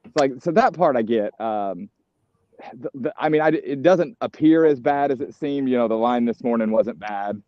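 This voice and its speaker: Man on a choppy video call from the lake, casual and rambling, muffled low-fi line. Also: normal speed, no room sound. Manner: loose, rambling, thinks aloud with fillers. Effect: heard over a video call that cuts out. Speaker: tournament angler calling in. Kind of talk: casual chat. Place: out on a lake, at the back of the water. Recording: dull lo-fi call audio.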